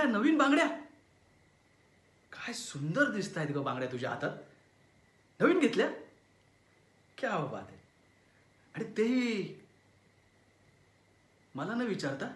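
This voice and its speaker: A man's voice: extremely high pitch, very animated, unhurried, pauses often, exaggerated voice. A man playing a sweet-talking, menacing husband. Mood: falsely sweet. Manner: coaxing, falsely tender, then threatening. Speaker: auditioning actor. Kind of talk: dramatic audition monologue. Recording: roomy echo.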